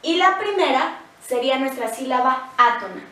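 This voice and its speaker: A woman giving a scripted grammar lesson, explaining slowly and clearly, sounding out words syllable by syllable. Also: high voice, animated, pushed and bright. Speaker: teacher. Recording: very echoey room, voice from a distance.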